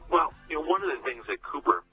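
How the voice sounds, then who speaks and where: A man's voice: fairly high pitch, very animated, fast talker, muffled recording, music in the background. A man speaking as an interview guest, explaining conversationally with emphasis on details.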